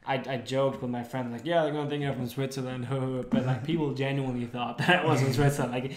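Young man from Sweden, animated casual podcast chat, desk mic, echoey living room. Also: medium pitch, fast. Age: young adult. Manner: animated, repeats words when starting sentences. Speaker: podcast co-host. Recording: roomy echo.

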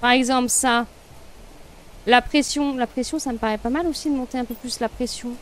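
High-voiced woman narrating gameplay. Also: fairly even intonation, a little fast, a little hiss or hum. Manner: chatty, thinks aloud, talks to the game and viewers. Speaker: let's play streamer. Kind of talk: casual gameplay commentary.

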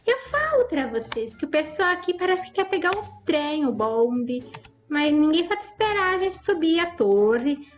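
A woman's voice: sits high, expressive, a little slow, highs cut off, soft background music. Chatty woman narrating her gameplay. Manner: chatty, exclaiming, talks to her viewers as "raposas". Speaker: gaming YouTuber. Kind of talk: live Roblox gameplay commentary.

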